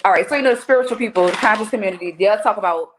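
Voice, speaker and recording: A woman's voice: mid-range voice, rapid-fire, slight background noise. A woman from New Orleans with a New Orleans accent, a podcast guest talking bluntly and profanely in casual chat, acting out quotes as she goes. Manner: blunt, profane, animated storytelling with voiced quotes.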